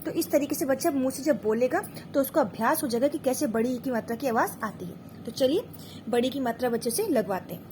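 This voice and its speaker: A woman with a high, light voice gives a patient instructional lesson. She explains each step, slows down to sound out syllables one by one, and keeps checking in with her listeners. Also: animated, background noise. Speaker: teacher and mother. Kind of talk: instructional lesson for parents and teachers.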